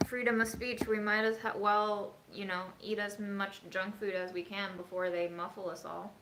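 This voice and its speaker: A woman's voice: medium pitch, bright, forceful tone. A woman born in China talks earnestly and outspokenly in a casual cooking vlog from her home kitchen. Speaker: cooking vlogger. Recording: echoey room with faint noise.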